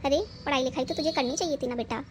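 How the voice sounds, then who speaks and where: A woman's voice: sits high, rapid-fire, a little hiss or hum, lightly acted. A woman playing a doting old grandmother who fusses and chides. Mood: fussing. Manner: fussing, chiding.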